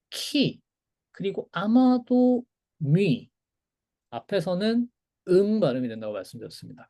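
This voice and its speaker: A man's voice: sits high, a little mellow. A man lecturing on a language, patiently repeating each pronunciation for students to copy. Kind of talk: recorded lecture.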